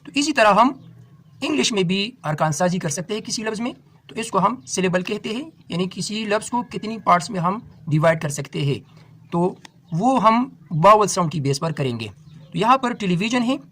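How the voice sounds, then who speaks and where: A young man with a Pakistani accent, a teacher steadily explaining a solved exam paper question by question, reading the English questions out slowly. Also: high voice, lively intonation, fairly bright tone. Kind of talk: exam-prep lesson, solving a test paper.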